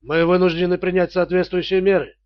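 A man voicing a male bank director with a low voice, calm, formal and detached, in a muffled audiobook recording. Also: fairly quick, dry recording, lightly acted. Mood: cold.

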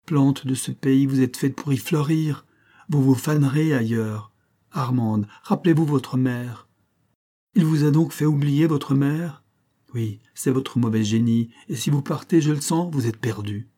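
A man's voice: mid-range voice, measured pace, dark tone, close to an everyday voice. A man reading aloud and voicing a heartbroken young man with impassioned, anguished outbursts. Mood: accusing.

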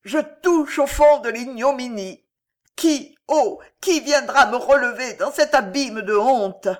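A woman's voice: sits high, takes it slowly, voice pushed up. A reader voicing Alice, a desperate, fierce woman spy, in an audiobook with fervent, anguished outbursts. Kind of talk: audiobook character voice.

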